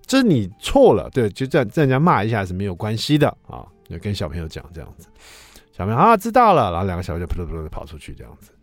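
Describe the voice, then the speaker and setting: A fast-talking, low-voiced man around fifty hosts a radio show and tells a family story in a loose, chatty monologue. His pitch jumps all over as he plays out the voices in it. The sound is close and dry, with faint music behind. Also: no room sound. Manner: animated, acts out quoted voices, swings between loud and soft. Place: radio studio. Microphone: studio microphone.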